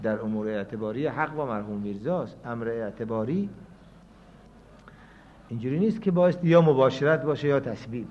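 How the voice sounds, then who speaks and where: A man teaching a scholarly lecture, reasoning aloud and moving between quiet stretches and emphatic points. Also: mid-range voice, expressive. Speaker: seminary teacher. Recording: dull lo-fi lecture recording.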